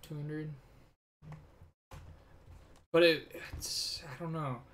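A man's voice: a little high, fairly even intonation, very slow, fairly bright tone. Easygoing man streaming a game. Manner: easygoing, thinks aloud with hesitations. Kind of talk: casual gaming chat.

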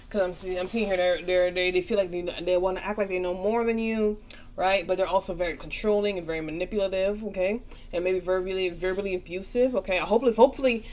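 A woman's voice: lowish voice, a little hiss or hum. A tired woman giving a casual tarot reading, chatty and reassuring, often checking in with "okay?". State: tired, yawning. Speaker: tarot reader.

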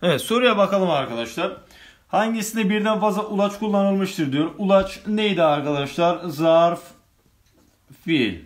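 Guy teacher going over test questions one by one with the class, slightly high voice. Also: moderate pace. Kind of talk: online exam-prep grammar lesson.

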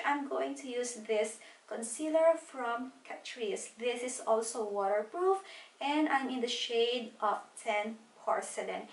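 High-voiced woman in an echoey room. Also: far from the mic. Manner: chatty, walks through each product step by step. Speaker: beauty vlogger. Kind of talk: casual makeup tutorial. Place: small home room at a desk.

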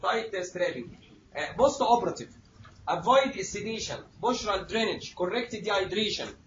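A man with an Egyptian Arabic accent giving a lively surgery lecture to students, joking and acting out little scenes. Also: high-pitched, quick pace, highs cut off, a little hiss or hum. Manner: jokey, acts out little scenes, addresses students directly.

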